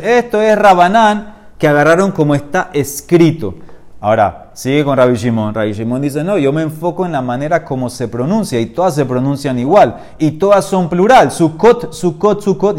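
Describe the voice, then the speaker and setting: A man's voice: a little high, expressive, moderate pace, darkish tone. A man teaching a Talmud class. He explains each step, asks and answers his own questions, and lifts his voice sharply to stress key points. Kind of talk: lecture-style Talmud class.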